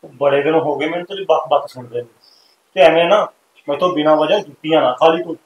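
Man playing a cranky punjabi husband, higher voice, roomy echo. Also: fast, dull audio, natural voice. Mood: gruff. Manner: gruff and commanding. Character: irritated young husband defending his widowed sister-in-law.

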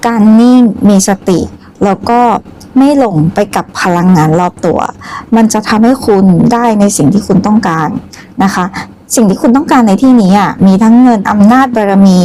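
Soft-spoken woman giving a tarot reading. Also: mid-range voice, normal speed, a little hiss or hum, rough recording. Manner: soft, conversational, with frequent polite particles. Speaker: tarot reader. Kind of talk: spiritual tarot reading monologue.

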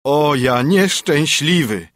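A hot-tempered carter who curses his bad luck, loud and a bit higher than plain speech, as a man puts him on. The voice is slightly husky, recorded dry and close. It is a storybook reading. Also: big pitch swings, measured pace, dry recording, heavily acted. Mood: lamenting. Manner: loud, lamenting.

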